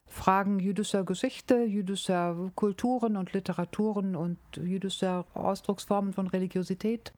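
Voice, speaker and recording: Woman professor, middle-aged, from Berlin, measured explanatory academic talk, dry close sound. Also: mid-range voice, a little mellow, no room sound. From East Berlin, Germany. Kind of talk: academic interview.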